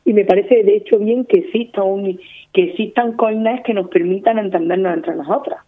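A woman's voice: mid-range voice, normal speed. A woman with an Andalusian accent arguing her point in casual radio talk, laying it out through repeated examples. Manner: argumentative, explains with repeated examples. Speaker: guest running a language-teaching project. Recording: narrow phone-like sound.

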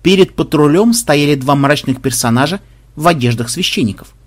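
A man reading an audiobook in an expressive, animated way. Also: fairly high pitch, brisk. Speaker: narrator.

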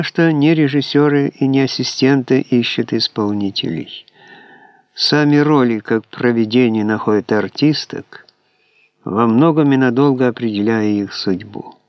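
A man calmly reading an audiobook in a measured, scripted narration. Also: mid-range voice, no room sound. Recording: dull, dry lo-fi MP3 audiobook recording.

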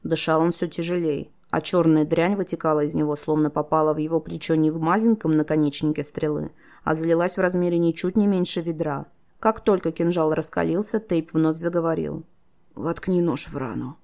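A woman narrating an audiobook in a steady storytelling manner, voicing the characters herself. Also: sits low, a little fast. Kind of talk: scripted narration.

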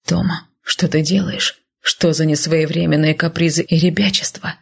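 A woman voicing a stern, protective northern warrior man who speaks in a low, hushed growl. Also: steady tone, normal speed, vocal fry, breathy edge, heavily acted. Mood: reproachful.

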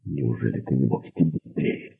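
A male narrator whispers a frightened young woman who hurries and pleads with her partner, breathy and insistent. The voice stays deep and husky, and the sound is thin, like a phone line. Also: normal speed, soft background music, exaggerated voice. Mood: urgent whisper.

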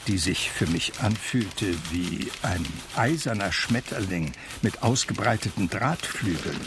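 In a radio drama, a man plays the narrator, a reflective blind man recounting his memories. His voice is low, gravelly, measured and wry, with background noise behind it.

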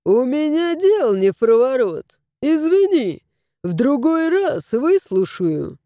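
A cocky hairless tomcat from a storybook, blunt and bossy, mocking the old spirit, as a woman voices him. The voice sits high and moves a lot in pitch, and is dry and close. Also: big pitch swings, slow, warm tone, no echo, heavily acted. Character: brash hairless male sphynx cat, cocky.

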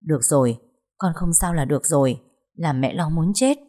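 An anxious middle-aged mother in a spoken storybook, put on by a woman narrator. Her voice is low and mellow, and she pleads as she calls out to her family. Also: normal speed. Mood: relieved.

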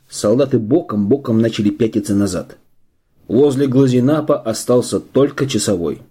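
A man narrating an audiobook in a steady, measured storytelling voice. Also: mid-range voice, husky. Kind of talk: scripted narration.

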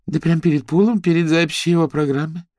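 A man doing a shrill rude young woman. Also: steady tone, quick pace, a little mellow, no room sound, clean studio sound, lightly acted. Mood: angry. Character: brash crude young woman influencer. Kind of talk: audiobook character voice.

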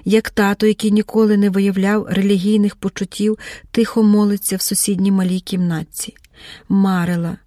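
A woman narrates an audiobook in a measured, expressive way. Her voice sits at an ordinary middle pitch. The recording is very dry and close, with no room sound. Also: no echo. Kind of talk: scripted narration.

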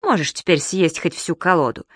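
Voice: medium pitch, lively intonation, normal speed, a bit bright, slightly rough, dry recording, studio quality. A reader playing a fussy, exasperated grown man who talks in a stern, grumbling way.

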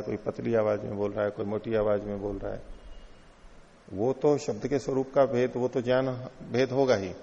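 A man teaching a classroom philosophy lecture, patiently explaining by repeating and rephrasing points and quoting Sanskrit slowly. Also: medium pitch, mellow. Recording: dull lo-fi sound in a long-reverb hall.

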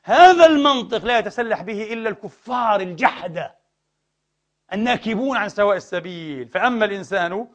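A man's voice: sits high, lively intonation, a little fast, a bit bright. A man preaching a sermon, emphatic, asking rhetorical questions and repeating words for stress. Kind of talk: sermon lecture to a congregation.

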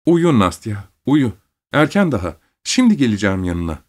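A man voicing a guilt-ridden young mother who pleads in a hushed voice. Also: on the low side, big pitch swings, normal speed, pitched above the performer's own voice. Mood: soothing.

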